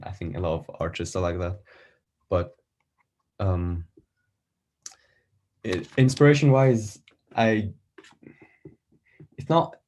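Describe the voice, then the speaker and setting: A man from Iran, an artist guest on a podcast, talking casually and thinking aloud with many pauses and fillers. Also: sits low, darkish tone.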